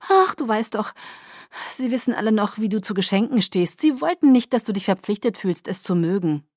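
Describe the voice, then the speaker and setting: A woman's voice: mid-range voice, expressive, fairly quick, darkish tone, no echo, clean studio sound, close to an everyday voice. A woman voicing a bubbly, eager young woman with a chirpy, sing-song manner in a storybook reading. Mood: cheerful.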